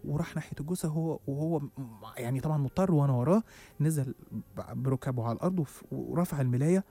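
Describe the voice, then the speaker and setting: A man's voice: fairly high pitch, quick pace, mellow. A man with an Egyptian Arabic accent narrating a suspenseful first-person horror story. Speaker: storyteller host.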